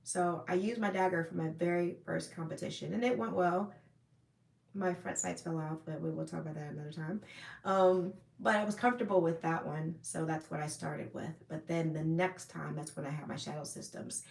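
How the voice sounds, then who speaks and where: A woman's voice: deep voice, steady tone, moderate pace, gravelly, darkish tone, roomy sound. A woman hosting a casual livestream, chatting with viewers in a friendly, rambling way. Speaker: livestream host. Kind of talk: casual live chat answering viewers.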